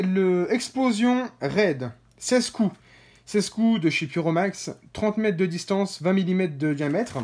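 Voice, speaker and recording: A woman's voice: fairly low pitch, a little mellow. A woman hosting her own channel, giving casual unboxing commentary to viewers, hesitant, with many fillers and self-corrections. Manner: informal, talks straight to viewers. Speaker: fireworks channel host.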